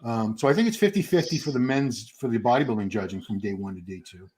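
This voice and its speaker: A man's voice: medium pitch, expressive, quick pace, a little mellow, rough recording. A man hosting a casual livestream chat, rambling on and asking his guests questions. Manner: rambling, chatty, asks the guests. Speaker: host.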